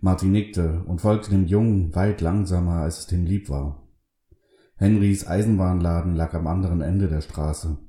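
A man hosting his own show and reading a short story aloud in a calm, measured way. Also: low voice, reverberant. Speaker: host and reader.

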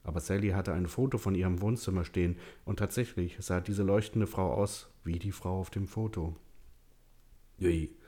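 Male audiobook narrator, very low voice, calm and measured.

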